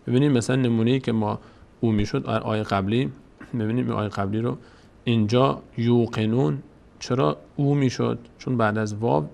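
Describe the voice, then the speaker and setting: Gravelly-voiced man teaching Quran recitation. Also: mid-range voice, steady tone, a little mellow. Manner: patient and repetitive, slowly drawing out recited verses to demonstrate. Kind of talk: step-by-step recitation lesson.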